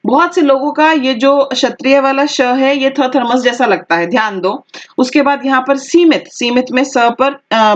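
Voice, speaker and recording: Woman teacher dictating spellings, lo-fi. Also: fairly high pitch. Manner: slow, careful dictation of spellings with frequent "okay". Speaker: Hindi teacher. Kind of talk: online exam-prep lesson.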